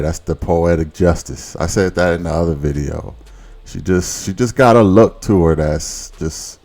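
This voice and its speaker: A man's voice: low-pitched, a little mellow. A man giving a laid-back, rambling reaction commentary, often repeating himself as he talks.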